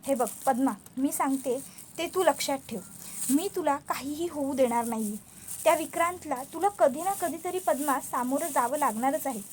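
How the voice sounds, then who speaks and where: A woman voicing a calm, protective young woman who soothes and reassures firmly. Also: high voice, moderate pace, a little hiss or hum, lightly acted. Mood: firm reassuring. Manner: firm, soothing. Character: calm, protective older sister figure, reassuring.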